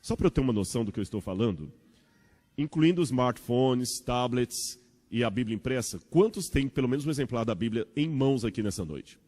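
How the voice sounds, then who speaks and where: A man from Brazil, preaching a sermon in a church with rhetorical questions and an animated storytelling manner. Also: mid-range voice, brisk. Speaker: pastor. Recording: long church hall reverb.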